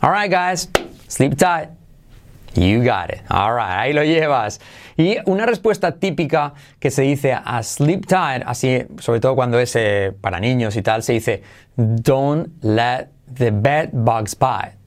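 A man runs an English pronunciation lesson for a podcast. He has a mid-pitched voice and drills each phrase slowly, over and over. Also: expressive. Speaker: English teacher.

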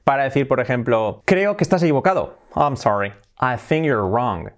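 A man from Spain teaching English in a video lesson, explaining in Spanish and saying the English phrases slowly and clearly. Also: mid-range voice, lively intonation.

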